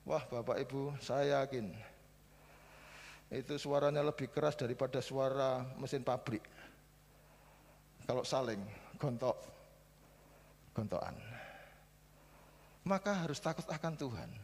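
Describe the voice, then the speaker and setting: A male pastor in his fifties with a Javanese accent, telling lively stories in a sermon and swinging between soft asides and loud preaching. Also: mid-range voice, unhurried, long pauses, a little hiss or hum. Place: church hall. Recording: reverberant church hall.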